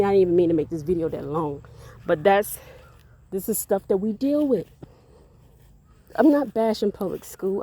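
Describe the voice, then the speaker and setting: A woman tells a long, earnest story about faith and her kids, circling back and repeating words as she goes. Her voice sits fairly low with a mellow, dark tone. She walks outdoors and sounds slightly out of breath. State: a bit out of breath. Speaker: parent vlogger. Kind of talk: casual testimony vlog.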